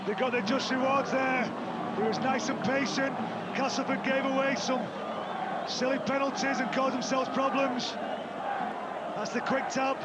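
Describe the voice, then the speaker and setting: Male co-commentator, blunt rugby analysis, very high pitch, loud crowd behind. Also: level tone, moderate pace, long pauses. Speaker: co-commentator, rugby league pundit. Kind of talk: live sports analysis. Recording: loud stadium crowd noise. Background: match crowd.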